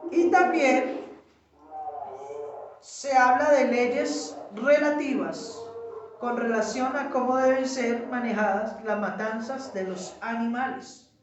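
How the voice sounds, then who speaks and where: A man teaching a small group in a relaxed way, explaining step by step and checking in with his listeners. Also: extremely high pitch, takes it slowly, a crowd in the background. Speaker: Bible study teacher. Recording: echoey room, mic far off.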